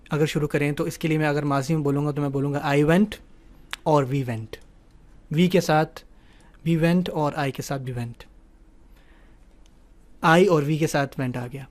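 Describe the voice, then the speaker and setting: Man teaching grammar with a higher voice. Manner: explanatory, asks "ٹھیک ہے نا" often; mixes English words into the talk. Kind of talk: online grammar lesson.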